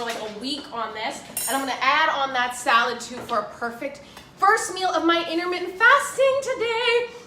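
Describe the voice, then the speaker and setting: A woman's voice: high voice, bright, forceful tone, echoey room, slight background noise. A woman hosting a live cooking class from her home kitchen, chatty and exuberant, calling her viewers y'all. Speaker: cooking show host.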